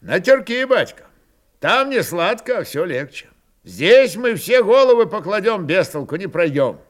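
A man's voice: sits high, big pitch swings, unhurried, pitched above the performer's own voice. A worried Cossack argues his case earnestly, his voice raised and pressing. He pleads with his comrades with growing urgency, played by a man narrating the tale. The voice sits well above the narrator's own.

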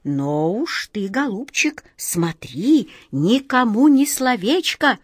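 A woman's voice: on the high side, big pitch swings, breathy edge, no room sound, clean studio sound, voice pushed up, full character voice. A woman doing sly, sing-song old Auntie Okh. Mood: coaxing. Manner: slow, drawn-out, fond coaxing tone. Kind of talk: storybook reading.

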